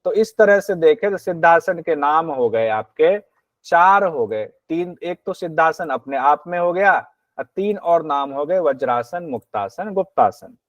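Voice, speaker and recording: A male yoga teacher giving an exam-prep lecture, reciting Sanskrit verses slowly and then explaining them in plain words, often asking and answering his own questions. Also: fairly high pitch, animated, no echo.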